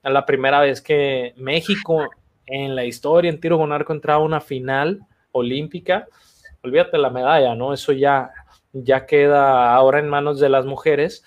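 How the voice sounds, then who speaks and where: Relaxed Mexican man telling stories. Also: medium pitch, moderate pace, dull audio. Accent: Mexican Spanish. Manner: relaxed, slangy, animated retelling. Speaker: archery athlete guest. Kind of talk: casual interview storytelling.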